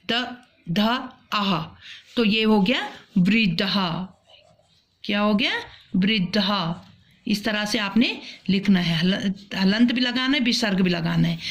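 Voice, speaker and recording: Woman teacher, fairly high pitch, very slow and deliberate, breaks words into single sounds and repeats them. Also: a bit bright. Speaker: school teacher. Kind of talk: classroom lesson, spelling out letters.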